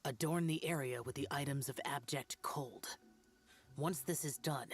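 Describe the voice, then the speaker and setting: Voicing a severe, formal master of an old ritual art in a video game, an actress uses a deep bass register with a breathy edge and an exaggerated delivery as she instructs in measured tones.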